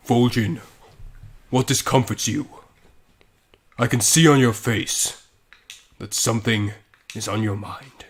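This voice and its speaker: A man improvising as a solemn male orc warchief in a slow, grave way. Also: mid-range voice, breathy edge.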